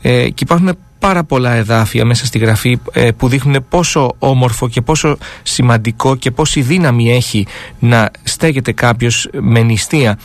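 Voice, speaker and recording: A man's voice: medium pitch, no room sound. Man, radio Bible talk, earnest, reads verses aloud, plain middle voice. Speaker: radio Bible discussion speaker.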